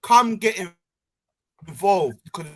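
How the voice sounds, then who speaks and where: A man's voice: high-pitched, takes it slowly. A young man talking casually and promoting an event, heard over a group voice chat on the internet. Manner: animated, promotional, street slang. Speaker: panel member.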